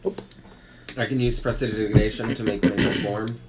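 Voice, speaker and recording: A man's voice: fairly low pitch, fairly even intonation, a little fast, over a noisy crowd, rough recording. A man playing a tabletop game, laid-back with short remarks. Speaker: player. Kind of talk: casual tabletop play. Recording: music playing behind.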